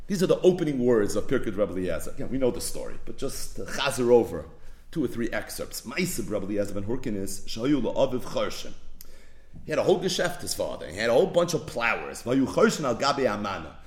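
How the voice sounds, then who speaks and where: A man giving a daily Talmud lesson, telling the story in an animated way and often laughing. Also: mid-range voice, fast, echoey room. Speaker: Talmud teacher.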